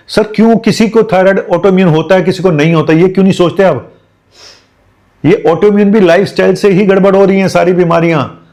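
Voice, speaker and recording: Emphatic doctor giving health advice. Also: male voice, on the high side, a little mellow. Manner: emphatic, pleading and direct with viewers.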